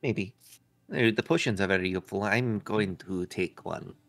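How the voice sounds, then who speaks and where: Guy playing tabletop rpg, lowish voice, casually narrating his character. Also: normal speed, vocal fry. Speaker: tabletop game player. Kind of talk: casual role-play narration.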